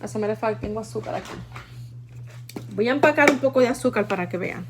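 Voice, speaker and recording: Her voice is on the high side and racing, with a Puerto Rican accent; she's a native Spanish speaker from Puerto Rico hosting a livestream on food storage. Chatty and instructive, she keeps adding "okay?" to her sentences during the casual demonstration, streamed live from a noisy room.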